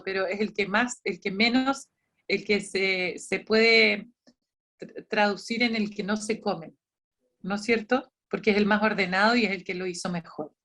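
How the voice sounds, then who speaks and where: A woman's voice: mid-range voice, a bit bright. A woman, a librarian running an online training session for volunteer storytellers, explaining in a chatty way with many restarts and quoted dialogue.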